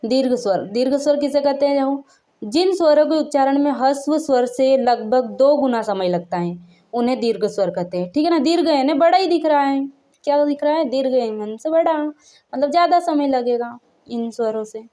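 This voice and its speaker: Chatty woman teaching with a mellow voice. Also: sits high, expressive, normal speed. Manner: repeats "theek hai na" after each point, asks the viewer questions; stretches out sounds to show how long they are. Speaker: Hindi grammar teacher. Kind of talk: casual classroom-style lesson.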